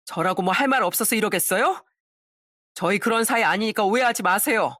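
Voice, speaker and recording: A woman's voice: medium pitch, fairly quick, a bit bright, dry recording, close to an everyday voice. A woman voicing an evasive cheating husband who makes defensive, pleading excuses in a story drama.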